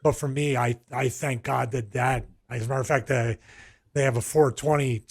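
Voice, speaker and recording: Speaking with vocal fry, this middle-aged Philadelphian co-hosts a podcast and spins meandering stories in a relaxed, chatty manner. He frequently restarts sentences and relies on fillers, his medium-pitched voice fairly even in intonation at a normal speed.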